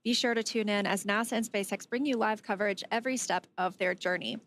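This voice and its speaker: A woman's voice: medium pitch, quick pace, fairly bright tone. A woman co-hosting a live space webcast with polished announcer delivery. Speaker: space agency broadcast co-host.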